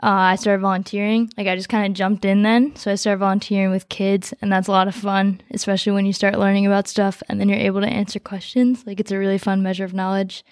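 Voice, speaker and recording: A teenage girl, a high school senior who grew up in the United States, tells her story in a relaxed, rambling way with many fillers as a podcast guest. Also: fast, few pauses, no echo, clean studio sound. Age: teens. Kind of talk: casual conversation, personal story.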